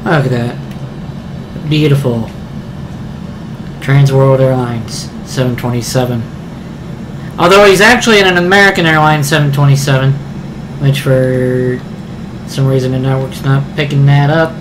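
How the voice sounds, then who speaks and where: A man's voice: mid-range voice, steady tone, moderate pace, long pauses. A man playing a flight simulator as pilot, mixing casual commentary with radio calls. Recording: clear cockpit engine noise behind. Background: simulated aircraft cockpit noise.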